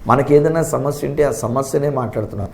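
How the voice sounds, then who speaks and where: A man preaching a sermon, swinging between quiet asides and emphatic, commanding declarations. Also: mid-range voice, fast, creaky. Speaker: pastor.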